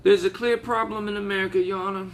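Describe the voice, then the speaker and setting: A man playing a folksy, impassioned Southern defense lawyer in a courtroom monologue, with a honeyed, theatrical drawl and deliberate repetition for emphasis. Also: sits high, fairly even intonation. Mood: indignant. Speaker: auditioning actor. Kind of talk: audition monologue, courtroom speech.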